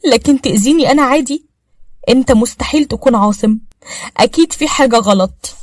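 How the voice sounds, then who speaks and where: A bitter, wounded young wife , put on by a woman narrator, who hits back with sharp reproaches in a quick Egyptian voice. Every line comes fast and dry, close to the mic, with no room sound around it. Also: fairly high pitch, no echo, close to an everyday voice.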